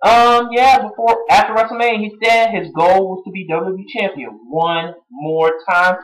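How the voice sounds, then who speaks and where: A wrestling show reviewer recapping an episode in a casual vlog, excitable and full of fan slang. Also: mid-range voice, moderate pace, rough recording. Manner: excitable, breaks into song and impressions.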